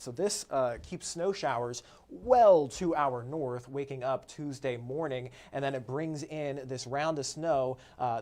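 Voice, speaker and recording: A man's voice: medium pitch, a little mellow. Easygoing male meteorologist streaming a forecast. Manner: conversational, easygoing, frequent "uh" fillers. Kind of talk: live-streamed weather forecast.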